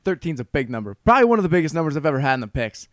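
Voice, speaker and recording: A man co-hosting a casual sports podcast, chatting quickly through football analysis. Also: fairly high pitch, big pitch swings, no echo, clean studio sound. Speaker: podcast co-host.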